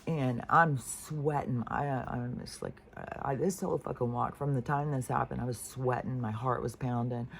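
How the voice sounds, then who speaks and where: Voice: mid-range voice, steady tone, normal speed, gravelly, slight background noise. A vlogger telling a story in a casual, profane, rambling way while venting.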